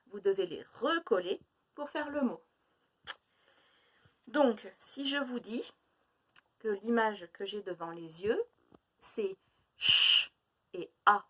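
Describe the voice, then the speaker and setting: A woman teaching a phonics lesson to young children, slowly and clearly separating each sound and stressing the key words. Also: mid-range voice.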